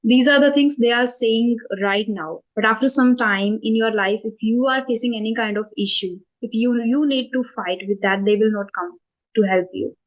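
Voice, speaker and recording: Poor audio captures a slightly high voice at a moderate pace. It belongs to a woman in her twenties with an Indian English accent who hosts a spoken English channel, and she reflects on interview questions about it with frequent fillers and self-corrections.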